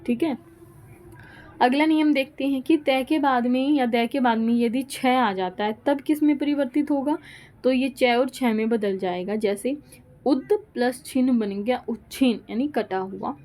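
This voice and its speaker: A woman's voice: high-pitched, a little slow, darkish tone. A woman giving a Hindi grammar lesson, explaining rules step by step and repeating each example aloud. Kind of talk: classroom lecture.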